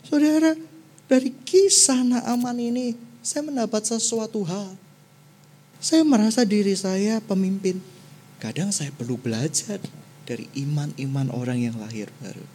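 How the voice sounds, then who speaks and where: A woman preacher giving a sermon, telling the story in a playful, animated way and swinging between soft and loud. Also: medium pitch, unhurried, breathy edge.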